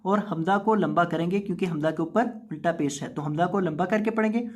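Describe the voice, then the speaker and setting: A Quran reading teacher leading a syllable-by-syllable drill, spelling out letters and vowel marks and then blending them into whole words. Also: medium pitch. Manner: repeats each word slowly, stretching the vowels. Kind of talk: slow syllable-by-syllable recitation drill with explanations.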